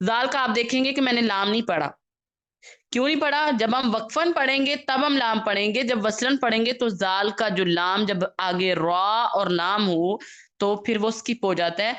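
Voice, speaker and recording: A woman teaching Quran recitation in an online class, checking in often with her students and stretching out each letter sound slowly as she demonstrates. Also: mid-range voice, a bit bright.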